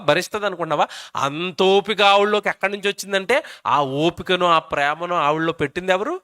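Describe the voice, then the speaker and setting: A man's voice: high-pitched, sharp tone. A male preacher, delivering a sermon and emphatically quizzing his audience.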